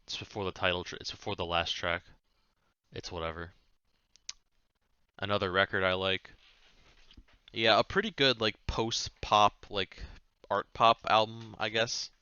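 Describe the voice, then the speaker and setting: Low-voiced man, casual and offhand. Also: fairly even intonation, unhurried, pauses often, pushed and bright, clear, resonant tone, dry recording, highs cut off. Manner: rambling, offhand, swears casually. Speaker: music reviewer. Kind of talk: casual chat.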